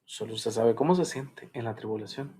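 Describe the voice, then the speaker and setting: A man's voice: mid-range voice, fairly quick, gravelly. A man preaching a Bible study sermon, telling stories and acting out voices. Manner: animated storytelling, acts out voices. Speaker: pastor.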